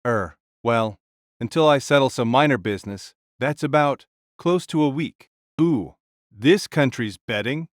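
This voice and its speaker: A man's voice: medium pitch, no room sound, studio quality, natural voice. A man voicing a giant, boisterous ancient king spirit in an audio drama, hearty and blunt in manner. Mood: hearty, relishing. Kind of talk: fan audio drama acting.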